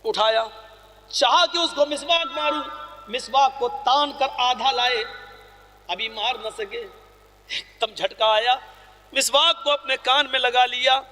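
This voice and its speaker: Dramatic male preacher, storytelling sermon, very bright edge, echoing hall. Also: extremely high pitch, long pauses. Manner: dramatic, shifts between soaring and hushed delivery. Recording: long hall reverb.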